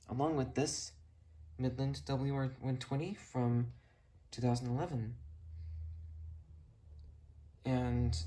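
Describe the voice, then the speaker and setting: A medium-pitched, darkish voice belongs to a hobbyist video creator doing a casual show-and-tell in a room at home. Unscripted and rambling, they talk from behind a handheld camera and correct themselves as they go.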